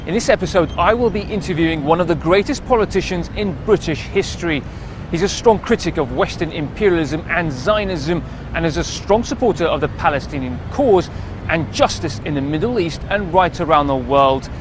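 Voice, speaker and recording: A man's voice: a little high, lively intonation, a little fast, noisy background. A man hosting an interview, reading a formal introduction and putting questions to his guest. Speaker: interviewer host.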